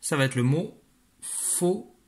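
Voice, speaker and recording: A man's voice: mid-range voice, measured pace. A man teaching a children's dictation lesson, patiently spelling words syllable by syllable. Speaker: primary school teacher.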